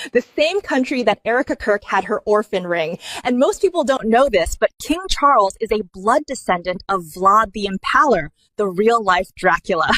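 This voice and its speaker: Female parody news anchor reporting from the field, higher voice, dry close sound. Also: a bit bright, no echo, rough recording.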